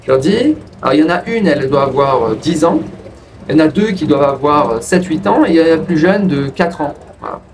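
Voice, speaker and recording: A man casually telling a personal story to his viewers in a rambling way, with frequent restarts. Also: a little fast. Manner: rambling, restarts, lively pitch jumps. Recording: distant from the mic with faint ambient noise.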